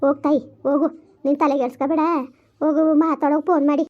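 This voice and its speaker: A woman's voice: high voice, flat delivery, fast talker, natural voice. A woman playing a bossy village granny. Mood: coaxing. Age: older. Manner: coaxing, scolding gently, repeats herself. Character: older village grandmother, soothing, gossipy, bossy. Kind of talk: amateur village family drama. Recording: lo-fi dull recording.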